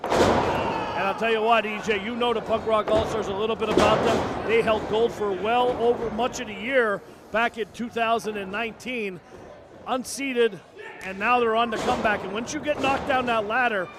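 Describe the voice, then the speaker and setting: A man's voice: high-pitched, steady tone, normal speed. A man working as a wrestling commentator, calling live play-by-play in clipped bursts of move descriptions. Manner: narrates moves in clipped bursts. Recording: noisy event-hall recording.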